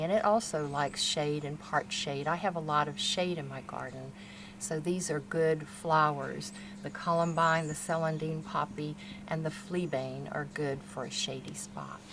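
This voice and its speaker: A woman gives a casual, instructive walk-through of her garden, pointing out plants in plain words. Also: lowish voice. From Kentucky, United States. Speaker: gardener giving a garden tour. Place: outdoors in a home garden. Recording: outdoor ambient noise behind voice. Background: faint outdoor ambience.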